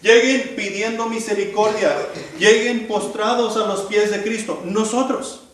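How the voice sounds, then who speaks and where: A man's voice: sits high, fairly even intonation, unhurried, a little hiss or hum. A man preaching a sermon to his congregation, asking rhetorical questions and acting out the cries of the people in the story. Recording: echoey hall, voice from far off the mic.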